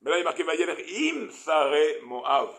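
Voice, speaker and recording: A male rabbi gives an animated Torah lesson, questioning his listeners as he explains Hebrew terms. His voice is bright and forceful. It sits a little high for a man. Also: moderate pace.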